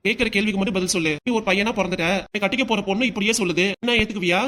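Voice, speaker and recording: A man's voice: high-pitched, pushed and bright. A man playing a worried, widowed older father in a cartoon, pleading with his daughter in a southern Tamil dialect. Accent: Tamil, southern Tamil Nadu dialect. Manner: pleading, emotional, fast-talking.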